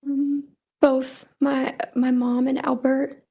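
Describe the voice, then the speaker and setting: A young woman testifies in a courtroom in a high voice with plenty of vocal fry. Her delivery is soft-edged and mellow, and she answers briefly and plainly as a witness. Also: level tone, takes it slowly. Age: young adult.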